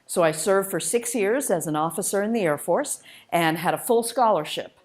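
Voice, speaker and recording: Her voice is mid-range and animated, moving at a normal pace. An India-born woman linked to the United States and Malaysia, she works as a spacecraft engineer and is giving a casual public talk as a guest speaker, relating personal stories with emphatic enthusiasm.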